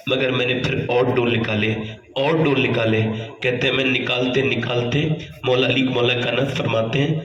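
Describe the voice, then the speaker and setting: A man preaching a sermon as a story, fervent and rising to shouts at the high points. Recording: echoey, voice heard from afar.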